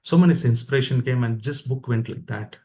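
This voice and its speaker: Brisk and a little mellow at a medium pitch, a man with an Indian accent offers an informal devotional talk. He spurs his listeners on in a motivating, conversational manner, as a fellow practitioner would.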